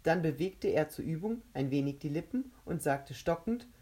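Low, husky woman reading a story. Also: normal speed. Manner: expressive storytelling. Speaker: narrator. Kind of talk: audiobook narration.

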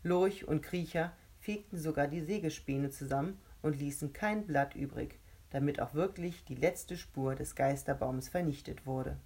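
A woman narrating a children's storybook in a calm, steady reading voice. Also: low-pitched, moderate pace, few pauses, slightly rough.

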